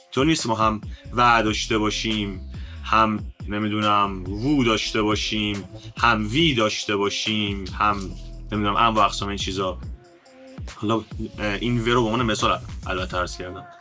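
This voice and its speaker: A man teaching an online lesson on an ancient script, explaining in a lively way, addressing viewers as friends and drawing out each letter sound. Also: fairly low pitch, soft background music.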